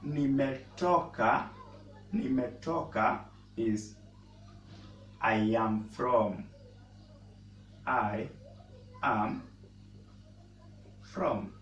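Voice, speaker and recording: A man who speaks natively, teaching a casual language lesson and pausing often to repeat words as he explains. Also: medium pitch, a bit bright. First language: Swahili. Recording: roomy echo, mic at a distance, faint noise.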